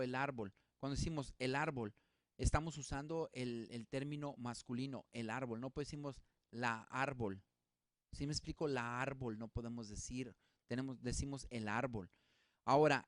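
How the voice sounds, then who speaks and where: A man teaching a Bible study in a relaxed spoken way, working through examples with many fillers and restarts. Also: medium pitch, no echo, clean studio sound.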